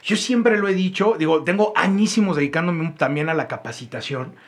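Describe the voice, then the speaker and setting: A man hosting an interview, asking questions conversationally and answering with quick acknowledgments. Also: on the high side. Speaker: interview host, trainer.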